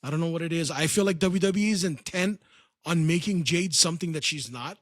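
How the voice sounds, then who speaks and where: A man's voice: fairly high pitch, a little fast, no room sound, clean studio sound. A man co-hosting a wrestling podcast, sarcastic, repeating phrases for comic effect. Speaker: podcast co-host. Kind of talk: casual podcast chat.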